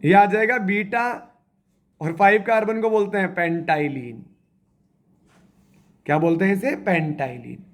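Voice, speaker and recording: A man's voice: high voice, slow pace, pauses often. A man teaching a chemistry class, quizzing the students and repeating their answers as he spells out structures step by step. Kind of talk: classroom lecture.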